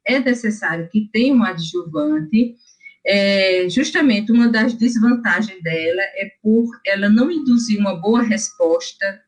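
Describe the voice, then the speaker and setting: A woman physician from Brazil, middle-aged, delivers an academic talk in a mid-range voice. She explains step by step, often pausing on fillers and correcting herself mid-phrase. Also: mid-range voice. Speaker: physician lecturer. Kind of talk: academic lecture.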